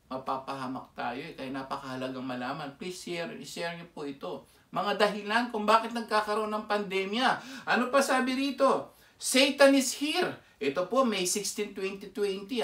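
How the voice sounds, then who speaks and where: A male lay preacher with a Filipino accent delivers Taglish sermon commentary in a high-sitting, fairly bright voice at normal speed. He is emphatic and keeps asking his listeners rhetorical questions, recorded in an echoey room with the mic set far off.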